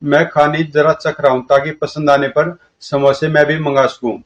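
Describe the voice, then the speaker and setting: A man reading a comic story aloud and voicing all of its characters in a lively way. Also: a little high, moderate pace. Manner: lively, shifts between characters' lines. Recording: dull lo-fi recording.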